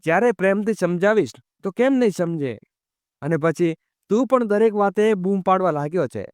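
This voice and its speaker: Man, storyteller, high voice, dry close recording, scripted family-drama narration. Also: lively intonation, normal speed, darkish tone, dry recording. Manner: reads all the characters' lines in the same narrating voice.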